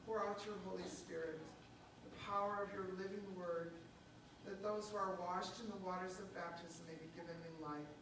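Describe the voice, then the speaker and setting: A woman pastor reads formal liturgy in measured, solemn phrases, her voice echoing through a church. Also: on the low side, steady tone. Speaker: pastor leading a baptism. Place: church sanctuary, recorded from the congregation. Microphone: far camera. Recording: very echoey church, distant mic, noisy.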